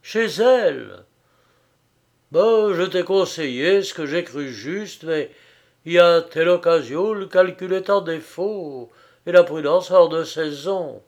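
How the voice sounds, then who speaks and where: A man voicing a pale, deeply shaken young man who presses his friend to hurry, in an audiobook reading. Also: slow pace, darkish tone. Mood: urgent. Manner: urgent, pressing and breathless. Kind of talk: audiobook character voice.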